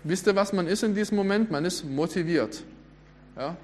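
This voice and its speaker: A man delivers a sermon in a loose, conversational way. His voice sits a bit high for a man. He keeps asking the audience questions as he goes. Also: moderate pace, darkish tone. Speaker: preacher.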